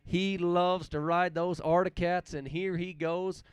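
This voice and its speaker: A man announcing a live race, reading out times slowly and chatting in a folksy way between runs. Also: high-pitched, flat delivery, clean tone. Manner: reads race times slowly and repeats them. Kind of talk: live play-by-play commentary.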